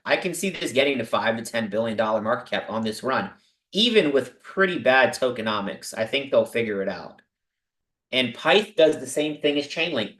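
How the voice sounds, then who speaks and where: A man hosting a livestream, talking casually and excitably to his viewers with lots of asides. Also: medium pitch, reverberant, rough recording. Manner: excitable, talks to viewers directly with many asides. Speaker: crypto livestream host. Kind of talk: casual livestream talk about investing.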